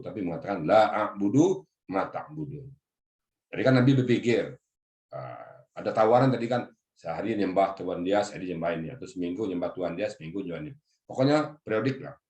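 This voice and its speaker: A man's voice: low-pitched, brisk, darkish tone, reverberant. A man giving a religious lesson on Quranic verses, explaining the grammar word by word and often addressing his listeners as "Pak". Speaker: religious teacher. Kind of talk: Quran exegesis lesson to a group. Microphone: video call.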